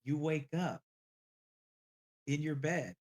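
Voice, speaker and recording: A man's voice: a little high, expressive, takes it slowly, a little mellow. A man narrating a tabletop game as dungeon master, casual and laughing often.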